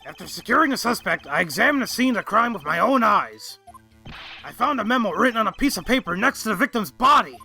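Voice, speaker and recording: A man acts out an eager, bumbling police detective with a bright, forceful, gravelly voice that sits high. He blusters deferentially to his superiors, as in a courtroom video game. Music plays behind him. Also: big pitch swings, fast talker, full character voice. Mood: earnest testimony. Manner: deferential, blustering, ending sentences with "sir". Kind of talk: game fandub character acting.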